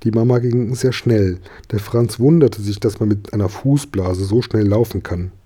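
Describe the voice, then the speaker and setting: A man reading a children's story aloud in a calm, measured way. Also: lowish voice, breathy edge. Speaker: reader.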